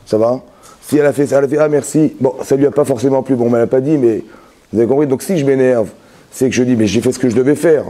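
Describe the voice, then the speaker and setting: A man's voice: mid-range voice, quick pace, dark tone. A man, a rabbi, giving a Torah lesson that explains with everyday examples, with many restarts and repeated words, often checking that his listeners follow.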